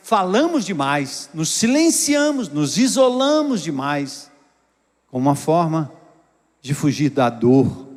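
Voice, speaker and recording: A man, a pastor with a Brazilian Portuguese accent, preaching a sermon with rhetorical questions and sharp swings between raised and hushed delivery. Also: high voice. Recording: long reverb of a church hall.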